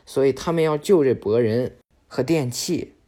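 A man's voice: medium pitch, normal speed, warm tone. A man retells an anime episode in a loose, chatty way. He jokes, stops to correct his slips, and strings the plot along with filler asides. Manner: chatty, joking, self-correcting. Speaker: storyteller.

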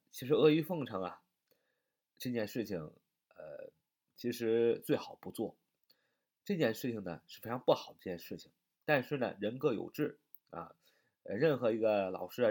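A man's voice: fairly low pitch, a little mellow. A man teaching a vocabulary lesson, spelling words out letter by letter and asking and answering his own questions.

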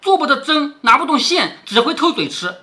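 A man reading aloud voices a sharp-tongued, sickly young maidservant who scolds the younger maids in a raised, shrill voice. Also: very animated, quick pace, heavily acted. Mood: scolding.

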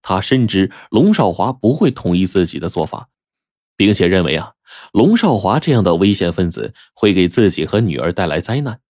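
Male storyteller, low voice, animated swings, chatty asides, dry close sound. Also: moderate pace, no echo. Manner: lively, chatty, addresses listeners with asides. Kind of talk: traditional oral storytelling.

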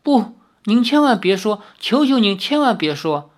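A reader voicing a fragile young woman who speaks in a hesitant, soft, pleading way. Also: medium pitch, very animated, unhurried, voice pushed up.

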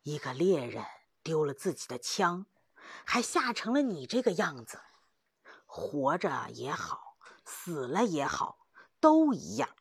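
A woman voicing an experienced old male hunter who speaks steadily and reassuringly, sometimes dropping to a hush. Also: low voice, sing-song, unhurried, breathy edge, dry recording, clean studio sound, heavily acted.

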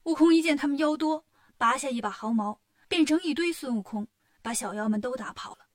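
Woman storyteller, high voice, lively kids tale telling. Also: fairly quick. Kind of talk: children's story narration.

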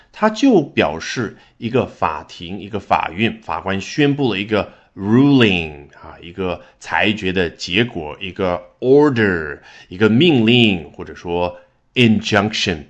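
A man's voice: fairly low pitch, fairly bright tone, highs cut off. A man teaching English vocabulary and sentence structure in a recorded lesson, explaining patiently and asking rhetorical questions as he goes.

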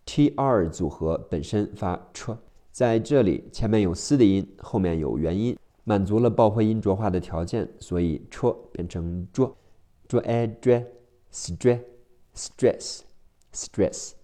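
A man teaching English vocabulary in a phonics drill, spelling out each word letter by letter in a slow, deliberate way. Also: lowish voice, mellow.

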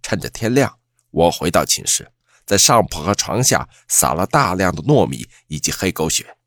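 A man's voice: low-pitched, no echo, clean studio sound. A man narrating a first-person campus ghost story in a suspenseful, dramatic way.

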